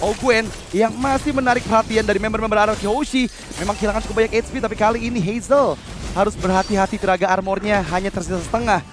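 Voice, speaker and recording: A male esports caster with a high-pitched voice calls the action in dramatic play-by-play. Faint music runs behind his commentary. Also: steady tone, quick pace.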